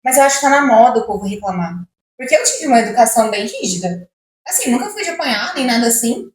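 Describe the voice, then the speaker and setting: A woman's voice: on the high side, sing-song, fast, slight background noise. A woman in casual podcast chat, giving firm opinions and telling stories from her own childhood. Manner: opinionated, tells personal anecdotes. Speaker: podcast co-host. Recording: echoey room.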